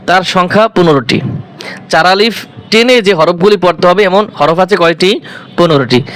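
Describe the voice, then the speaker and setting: A man with a fairly high voice teaching a step-by-step Quran recitation lesson. He patiently drills each letter sound, saying it over and over, and asks his students questions that he answers himself. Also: a bit bright. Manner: patient, repeats each letter aloud several times.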